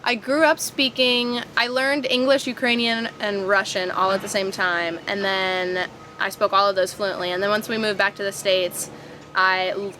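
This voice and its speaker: This is a young adult woman at medium pitch and normal speed, with slight background noise, talking casually as a podcast guest in a van. Raised abroad and from around Washington DC, she's an animated storyteller who acts out what people said and laughs a lot.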